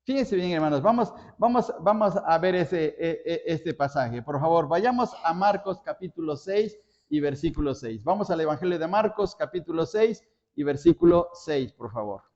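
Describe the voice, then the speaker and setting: A man's voice: fairly high pitch, lively intonation, moderate pace, darkish tone, lo-fi sound. A man preaching a sermon as pastor, telling stories with big dramatic rises and drops in his voice. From Mexico.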